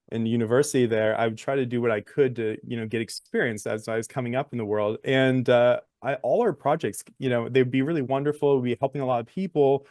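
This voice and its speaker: A man's voice: mid-range voice, darkish tone, no room sound, studio quality. A man in his thirties, a guest on a talk show, telling his story in a chatty way and laughing between phrases. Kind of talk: interview conversation.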